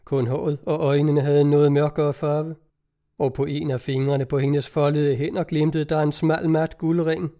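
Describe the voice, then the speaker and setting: Male storybook narrator, steady measured reading, warm mellow tone. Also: a little high. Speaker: audiobook narrator. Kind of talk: scripted narration.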